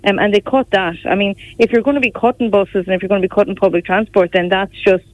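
An opposition politician from Galway talks fast in a steady, mid-range voice, her west of Ireland accent coming through on a political radio interview. Her delivery is conversational, with frequent "like" and "you know". The sound is dry and dull, with no echo.

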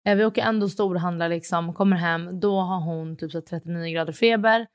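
A woman's voice: fairly low pitch, clean tone. A woman in her thirties co-hosting a podcast, telling a story in casual chat, acting out what others said and swearing freely. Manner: animated retelling, acts out dialogue, swears casually. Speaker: podcast co-host.

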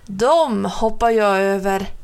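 A woman reading a storybook aloud, voicing an eager, stubborn little boy who calls out excitedly. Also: mid-range voice, clean tone, natural voice. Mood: insistent. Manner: excited calling out, insistent.

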